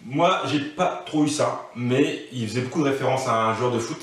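A mid-range male voice at a moderate pace, with slight background noise, belongs to a man in his thirties being interviewed on a living room couch. His casual advice is thoughtful but broken by many restarts and fillers, and the distant camera mic leaves the room echoey.

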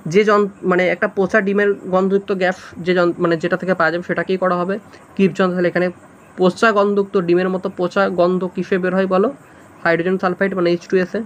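A man with a fairly high voice teaches an exam-prep class. He works through multiple-choice answers step by step and keeps checking that his students follow. A faint hiss sits under the recording. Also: lo-fi sound. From West Bengal.

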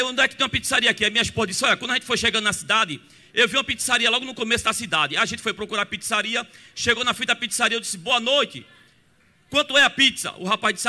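A man with a Pernambuco accent, a gospel singer telling a lively testimony in church that breaks into singing and shouted praise, with music behind him. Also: extremely high pitch. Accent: Pernambuco Brazilian Portuguese.

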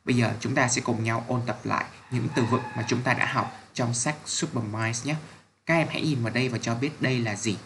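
A man's voice: mid-range voice, steady tone, a little fast, vocal fry, noisy background. A man teaching English to children with a Vietnamese accent, reading each word twice for them to repeat. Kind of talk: recorded vocabulary lesson for children.

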